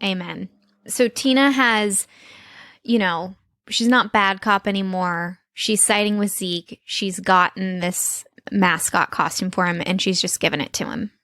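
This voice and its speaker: A woman's voice: medium pitch, measured pace, a bit bright, dry recording. A young woman co-hosting a podcast, chatty and enthusiastic, with frequent ums and likes. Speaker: podcast co-host. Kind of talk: casual chat.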